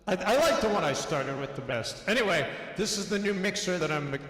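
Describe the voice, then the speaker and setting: A man's voice: expressive, brisk, a bit bright. A man checking his mic on a radio show, his voice put through a heavy cave-like canyon echo effect. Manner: casual, trying out settings aloud. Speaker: producer testing a new mixer. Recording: booming long reverb from a voice effect.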